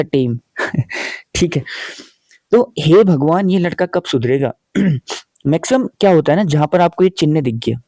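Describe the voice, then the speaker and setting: A man's voice: a little high, warm tone, no room sound. Man, young adult, teacher, exam-prep grammar lesson, rhetorical questions, dry close sound. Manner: explains by repeating examples and asking rhetorical questions.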